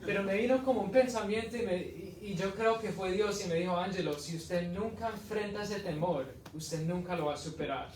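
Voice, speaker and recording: A high-voiced man preaches an animated testimony, telling his story with laughs and asides. He is heard from a distance in an echoey hall, with faint background noise. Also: a little fast, hardly any pauses. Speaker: evangelist preacher. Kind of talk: testimony sermon. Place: church hall.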